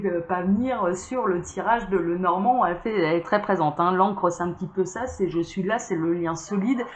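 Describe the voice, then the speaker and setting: A woman hosting her own channel, giving a casual spoken tarot card reading and chatting straight to her viewers. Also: medium pitch. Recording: echoey room with faint background noise.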